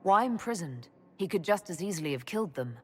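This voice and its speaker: An actress playing a female elf mage leader who speaks calmly and asks direct questions. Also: lowish voice, brisk, slightly rough. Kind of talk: video game voice acting.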